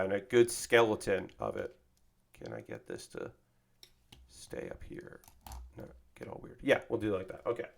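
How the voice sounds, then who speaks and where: Building a model kit on a livestream, a man chats casually in a mid-range voice with vocal fry and a fairly bright tone. He sounds tired, his voice slightly worn. He's loose and profane, leaning heavily on filler words.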